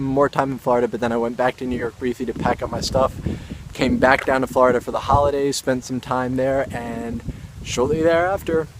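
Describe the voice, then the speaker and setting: A man's voice: medium pitch, slight background noise. Rambling young man telling a vlog story. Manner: rambling, self-aware asides. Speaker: actor and vlogger.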